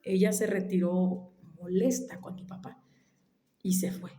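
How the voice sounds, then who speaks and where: A woman telling a family story in a casual, unhurried way, halting now and then and dropping into soft whispered asides. She mentions she has allergies. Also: mid-range voice, fairly even intonation. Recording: echoey room.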